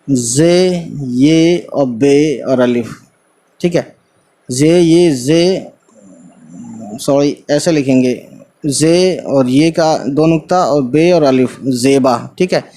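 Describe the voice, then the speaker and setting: Guy teaching urdu online, spells words out slow, bit higher voice, chatty with viewers. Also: a little mellow. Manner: spells out letters slowly, sprinkles English fillers; talks to viewers as guys. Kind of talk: casual online lesson.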